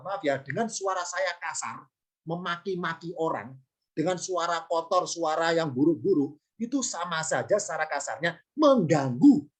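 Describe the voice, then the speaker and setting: A man giving an online religious lesson on Arabic grammar, explaining step by step, repeating key words and asking questions he then answers himself, with polite apologies before his examples. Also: sits high. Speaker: Islamic studies teacher.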